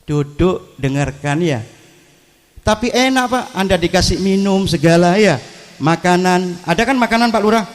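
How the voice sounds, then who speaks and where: A high-voiced preacher with an East Javanese accent tells funny stories from the pulpit. He talks straight to the crowd at an outdoor evening gathering, into a PA microphone. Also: lively intonation, moderate pace. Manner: storytelling, addresses the crowd. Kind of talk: humorous sermon.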